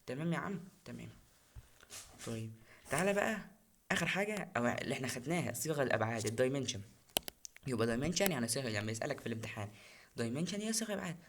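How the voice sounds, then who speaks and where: A man's voice: medium pitch, lively intonation, rapid-fire, long pauses, a bit bright, a little hiss or hum. A young man with an Egyptian Arabic accent, tutoring physics for an exam in a casual, chatty way and repeating key terms. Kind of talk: recorded exam-prep lesson.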